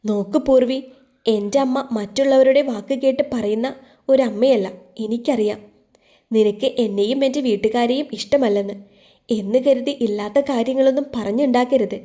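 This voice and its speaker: Woman reading a curt stubborn young husband in a storybook, mellow voice. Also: a little high, normal speed, natural voice. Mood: stern. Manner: firm, curt.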